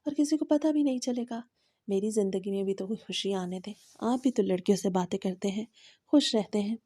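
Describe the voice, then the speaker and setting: A woman voicing a calm, defiant wife who answers back in a composed, matter-of-fact way. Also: mid-range voice, close to an everyday voice. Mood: calm defiance.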